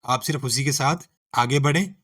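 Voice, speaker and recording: A man teaching English pronunciation as a lesson, reading word pairs aloud one at a time in a slow, deliberate way. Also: medium pitch, fairly bright tone.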